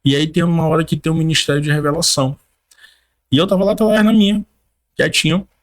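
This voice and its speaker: A man on a podcast giving his personal faith testimony in casual conversation, a lively storyteller who acts out what others said, with informal slang. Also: a little high, fast. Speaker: podcast guest.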